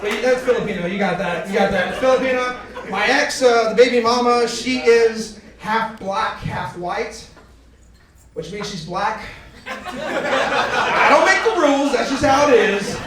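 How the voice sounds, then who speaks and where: High-voiced comedian, echoey club. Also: male voice, unhurried, distant mic, heavy background noise. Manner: crude, deadpan punchlines with crowd banter. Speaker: stand-up comedian. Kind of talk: stand-up comedy set. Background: audience laughter.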